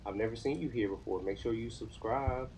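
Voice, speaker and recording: This live streamer from the United States, a man in his thirties learning web development, thinks aloud informally as he works. He has a medium-pitched, darkish voice and talks fairly quickly, with slight background noise.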